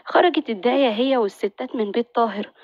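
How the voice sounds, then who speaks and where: A woman narrating a story in a brisk, expressive reading. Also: fairly high pitch, dry recording, dull audio.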